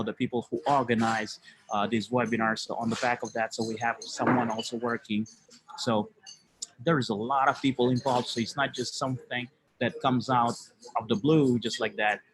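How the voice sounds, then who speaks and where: A mid-pitched man from Haiti presents a live online webinar. He talks in a loose, chatty way, padding his lines with fillers. The sound comes through a computer mic. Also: a little hiss or hum, rough recording. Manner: loose and chatty, many fillers like "you know".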